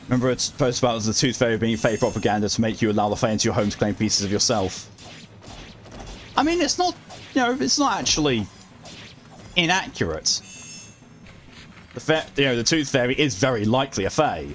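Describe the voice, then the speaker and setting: A man's voice: mid-range voice, big pitch swings, a little fast, pauses often, a little hiss or hum. A man streaming a video game, chatting casually in a rambling, wry way with some swearing. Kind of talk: casual live game commentary and chat. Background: game music.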